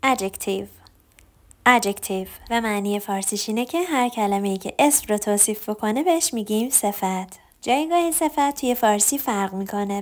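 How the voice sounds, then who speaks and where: Woman as online language teacher; patient, repeats examples slowly, quizzes viewers. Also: mid-range voice, darkish tone. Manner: quizzes viewers and praises their answers. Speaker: English teacher.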